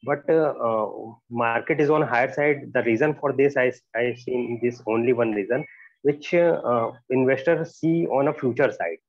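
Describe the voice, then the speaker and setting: A young man giving halting, deferential answers as a candidate in a job interview. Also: mid-range voice, no room sound. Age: young adult. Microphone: earphone mic on a video call. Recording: dull lo-fi video call audio.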